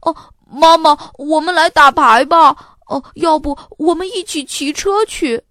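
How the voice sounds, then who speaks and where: A woman reading a storybook aloud and voicing an anxious young boy who pleads and hesitates with drawn-out fillers. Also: mid-range voice, expressive, no echo, studio quality. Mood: worried. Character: young schoolboy, anxious and sheepish.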